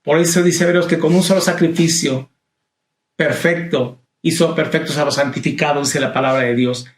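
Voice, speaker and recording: A man's voice: on the high side, steady tone, moderate pace, roomy sound. A man preaching a Bible study sermon, repeating key phrases with emphasis and calling the listener brother. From Latin America.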